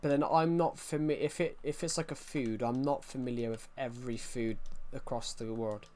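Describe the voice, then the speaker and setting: A young man in his early twenties talking through a live game stream. He rambles from one subject to the next and answers chat messages as they come in. His voice sits at an ordinary mid pitch. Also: steady tone, moderate pace, a little mellow. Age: early 20s. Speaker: livestreamer. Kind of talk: casual livestream chat while gaming.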